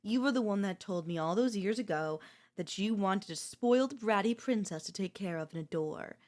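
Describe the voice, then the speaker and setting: Woman, ASMR audio role-play, calm, cutting, quietly possessive. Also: medium pitch, normal speed.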